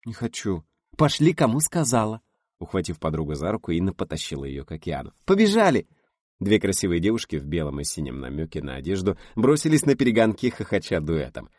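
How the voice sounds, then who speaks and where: A man narrating an audiobook with an expressive reading. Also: a bass voice, quick pace, few pauses, no echo, studio quality. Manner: expressive reading, voices for characters.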